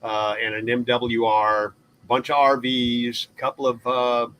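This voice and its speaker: A man with an average-pitched voice hosts a casual conversation. He speaks haltingly, feeling for his words, with clear ambient noise in the background. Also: flat delivery, a bit bright. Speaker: host of a live RV chat. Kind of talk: casual chat.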